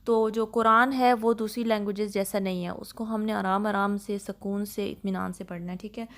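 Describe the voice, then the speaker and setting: Woman, recitation teacher, patient, instructive, middle pitch. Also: fairly even intonation. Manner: patient, instructive, mixes English terms into Urdu. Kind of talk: step-by-step tajweed lesson.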